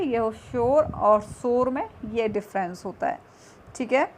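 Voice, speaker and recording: A woman's voice: a little high, a little mellow, a little hiss or hum. A woman teacher reading and explaining a textbook lesson, patient and repetitive, often checking in with her pupils.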